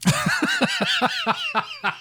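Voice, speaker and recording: A man's voice: extremely high pitch, wildly swooping pitch, very slow, bright, forceful tone. A man co-hosting a podcast, joking crudely and laughing often in casual chat. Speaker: podcast co-host.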